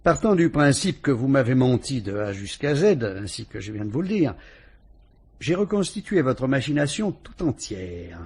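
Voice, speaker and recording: Playing a calm, sharp-witted police inspector in a vintage radio play, this French-accented male actor questions a suspect with courteous irony. His medium-pitched voice is slightly rough, and he stays measured as he probes.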